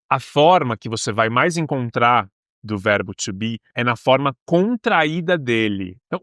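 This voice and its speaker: A Brazilian man teaches beginner English, patient and methodical, and he draws out each English example slowly. His voice sits at a middle pitch and is recorded close in a dry, dead room. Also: fairly bright tone, dry recording. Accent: Brazilian Portuguese. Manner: patient, step-by-step explaining, slows down for English words.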